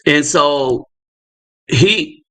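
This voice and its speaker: A man hosting a live stream, talking casually in quick bursts with asides and fillers. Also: a little high, a bit bright. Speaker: livestream host.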